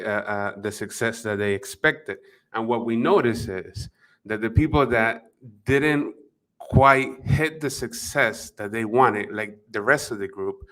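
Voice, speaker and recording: A man's voice: medium pitch, a bit bright. A man with a Spanish accent hosting a live marketing webinar from his office, chatting with viewers by name with plenty of fillers. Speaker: livestream host and marketing coach. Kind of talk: live webinar, casual chat. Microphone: desk microphone at computer.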